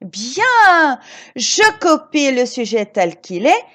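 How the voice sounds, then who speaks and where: A woman teaching grammar to children, slow and emphatic, repeating each example and encouraging her pupils with questions. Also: sits high, sing-song, a bit bright. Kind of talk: recorded grammar lesson for children.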